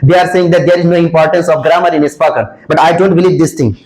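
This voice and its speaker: In a classroom, a young Hindi-speaking man from India, a senior student, responds to audience questions in English with an Indian accent and a high, fairly even voice. His earnest guidance is peppered with "uh" and restarted sentences. The recording sounds rough and darkish.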